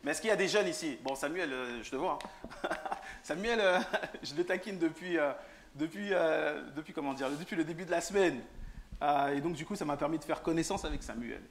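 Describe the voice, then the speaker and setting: A lay preacher in a church hall gives an informal sermon, joking with the young people in the pews, teasing them and quizzing them. His voice is a little high and a little fast.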